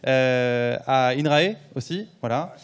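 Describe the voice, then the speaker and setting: A man's voice: medium pitch, takes it slowly. A tired man moderating a conference, hesitant and stumbling over his words.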